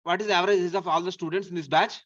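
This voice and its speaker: A man's voice: high voice, steady tone, very fast, fairly bright tone, muffled recording. A man with a Telugu accent teaching an informal live class, repeating his phrases and asking questions that he then answers himself. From Telugu-speaking region of India. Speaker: data science instructor.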